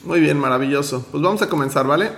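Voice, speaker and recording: Hosting an online finance workshop, this man motivates his audience and takes roll call in a firm, direct, instructive manner. He talks quickly, his fairly high, slightly bright voice showing vocal fry, in a reverberant space.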